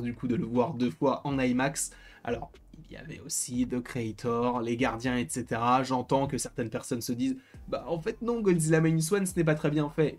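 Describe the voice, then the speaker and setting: A man chats casually about films, pausing often with fillers and restarting his sentences. He sounds a bit tired, at an ordinary middle pitch. Faint music plays behind him. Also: a little mellow. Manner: hesitant, many fillers and restarts. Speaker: film commentator. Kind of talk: casual commentary.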